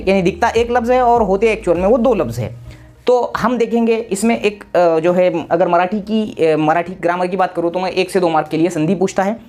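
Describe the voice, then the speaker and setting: A man's voice: sits high, darkish tone. A man from Maharashtra, a teacher giving a casual exam-prep lesson, explaining with many repeats and restarts. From Maharashtra, India.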